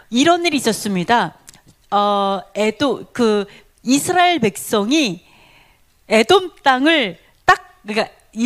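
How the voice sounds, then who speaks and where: A woman giving a Bible teaching sermon, talking in an animated way and often asking her listeners questions. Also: high voice.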